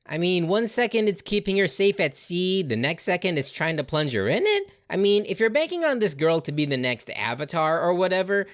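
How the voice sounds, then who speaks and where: Woman narrator, low voice, lively swings, sarcastic recap. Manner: sarcastic, deadpan snark. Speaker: animator and narrator. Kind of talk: comedic cartoon recap narration.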